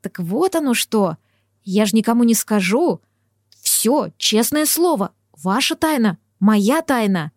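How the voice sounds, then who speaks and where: A woman's voice: a little high, expressive, unhurried, a little mellow, no room sound. Brief: nosy young office gossip girl, prying and sugary, dry close sound, read by a woman. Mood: breathy whisper. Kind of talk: audiobook character voice.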